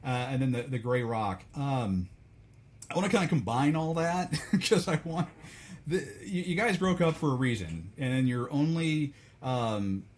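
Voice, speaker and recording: A man's voice: medium pitch, lively intonation, measured pace. Rambling man hosting live. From Southern United States. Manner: casual, rambling, blunt and self-deprecating. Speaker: podcast host. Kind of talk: live podcast monologue. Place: home room, seated in a chair.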